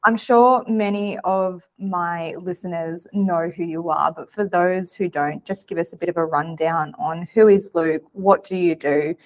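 Woman host, lowish pitch, enthusiastic. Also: measured pace, few pauses, a little mellow. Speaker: podcast host. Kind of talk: casual interview.

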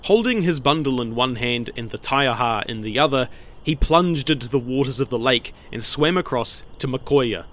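A man's voice: medium pitch, a little hiss or hum. Man narrating a dramatic legend. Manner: measured, expressive. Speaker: storyteller.

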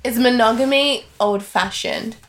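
A woman's voice: on the high side, a little slow, background noise. A young woman hosting a casual chat, teasing her friends and steering the talk with questions. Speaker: podcast host.

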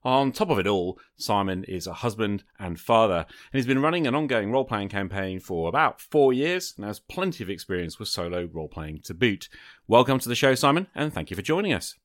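A podcast host with a lowish voice speaks animatedly and a little fast, introducing the show from a script and interviewing a guest. The sound is studio quality with no echo.

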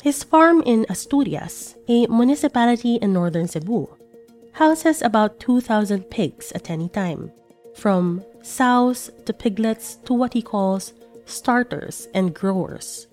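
A woman reading a scripted news podcast narration in a measured, deliberate way. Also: fairly high pitch, animated, darkish tone, faint music behind. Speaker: podcast writer and producer, narrator.

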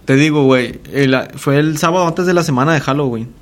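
A man's voice: fairly high pitch, a little fast. A young man with a Mexican accent, co-hosting a casual podcast and joking with friends in crude, teasing banter. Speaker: podcast co-host. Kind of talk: casual chat among friends.

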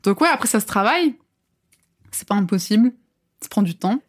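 A woman's voice: mid-range voice, animated, a little fast. Chatty young woman, filler-heavy. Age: 20s. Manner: chatty, lots of fillers, laughs often. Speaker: podcast guest. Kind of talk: casual chat.

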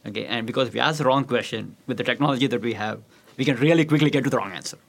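A man's voice: mid-range voice, rapid-fire, vocal fry. A man speaking as a panelist, emphatic and often checking in with "okay". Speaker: panelist on travel industry. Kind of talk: panel discussion.

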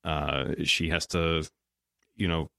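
A man with a very low voice reflects out loud on a podcast, pausing and restarting as he works his thoughts through. The recording is dry, with no echo. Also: flat delivery, vocal fry. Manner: thoughtful, hesitant phrasing. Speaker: podcast co-host. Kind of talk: casual chat.

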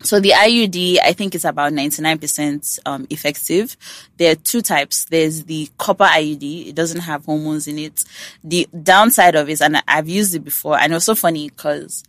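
A woman's voice: deep voice, normal speed, fairly bright tone, no echo. A woman hosting a casual podcast, talking frankly and bluntly and swearing freely. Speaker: podcast host.

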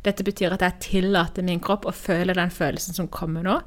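A woman from Norway co-hosting a podcast, telling personal stories in a candid, animated way. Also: fairly low pitch. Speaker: podcast co-host. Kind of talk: casual podcast conversation.

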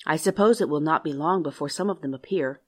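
A woman's voice: low voice, quick pace. A woman voicing a frightened, humble male merchant and father in a storybook, speaking politely and pleadingly. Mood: wondering.

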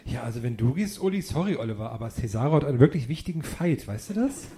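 A man's voice: medium pitch, very animated, quick pace, dark tone, natural voice. A man playing a dopey, easygoing young wrestling fan in a comedy radio play. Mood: sheepish.

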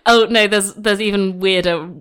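Woman, podcast co-host, casual history storyteller, easy laugh, mid pitch. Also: fairly even intonation, moderate pace, a bit bright, smooth. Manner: chatty, laughs easily.

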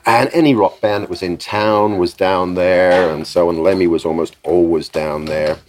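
A man, a recording engineer, telling lively studio stories in an interview, acting out quotes and laughing often. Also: low-pitched, moderate pace. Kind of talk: anecdotal interview chat.

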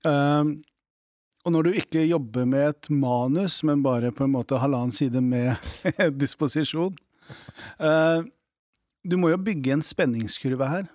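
A man's voice: on the high side, a little mellow, dry recording, clean studio sound. A man asking thoughtful, hedging interview questions.

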